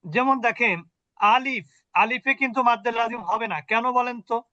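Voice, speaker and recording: Male recitation teacher, high and bright, unhurried, answers his own questions, dull dry call audio. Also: no echo. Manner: asks questions and answers them himself, slow and deliberate. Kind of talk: online tajweed lesson. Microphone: video call.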